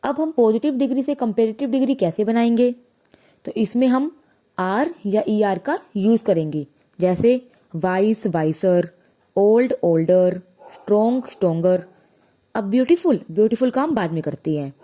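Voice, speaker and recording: A woman teaching a grammar lesson, slowly explaining and asking and answering her own questions. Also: medium pitch, expressive, dark tone.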